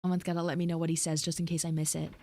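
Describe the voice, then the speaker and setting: Racing along with a flat delivery, this VTuber livestreamer speaks in a low voice with a dark tone. She chats casually with viewers, roleplaying live and telling stories in an informal, exclamatory, expressive style.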